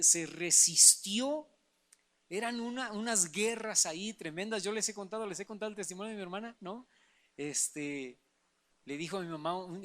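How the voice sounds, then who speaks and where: A man preaching a sermon, telling a family testimony in an animated way that swings from soft to loud. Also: sits high. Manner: animated storytelling, swings from soft to loud, laughs at his own stories. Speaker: pastor.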